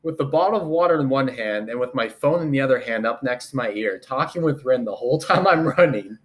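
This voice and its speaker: A man's voice: medium pitch, brisk. A man co-hosting a podcast, telling a story with lots of rise and fall in his voice. He acts out the quotes as he goes, keeping the talk loose and chatty. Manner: animated storytelling, acting out quotes. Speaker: podcast co-host. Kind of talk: casual chat.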